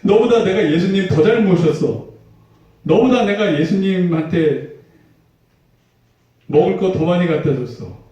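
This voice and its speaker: Pastor doing whiny jealous disciples squabbling, higher pitched, super echoey hall, mic far off. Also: male voice, a little slow, long pauses, dark tone. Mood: petulant bickering. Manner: whiny, indignant bickering. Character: squabbling jealous male disciples, petty and indignant.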